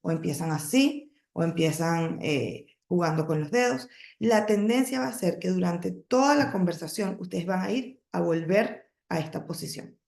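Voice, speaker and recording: Gravelly woman coaching in an echoey room. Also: on the low side, darkish tone. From emigrated to the United States, lives in Texas. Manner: coaching, emphatic, with pauses and self-corrections. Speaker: network marketing trainer. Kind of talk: training talk on public speaking.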